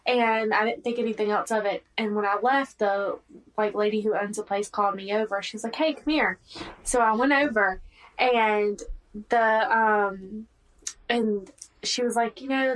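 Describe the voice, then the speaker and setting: A young woman co-hosting a podcast, telling a story in a soft, giggly voice at a desk mic. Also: on the high side, rough recording. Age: young adult. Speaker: podcast co-host. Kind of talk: casual chat.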